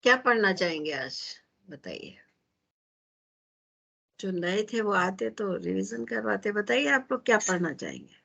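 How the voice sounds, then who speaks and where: A woman's voice: medium pitch, expressive, a little slow, creaky, pauses often, a bit bright, dull audio. A woman teaching an online astrology class, chatting casually and rambling with easy laughs over a video call.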